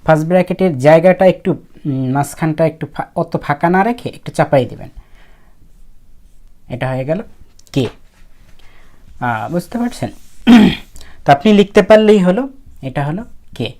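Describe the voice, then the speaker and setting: A woman walks learners through writing characters stroke by stroke. She speaks casually, pausing to think aloud and chatting with her viewers. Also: low voice, expressive, warm tone. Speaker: language teacher. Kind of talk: explaining how to write characters.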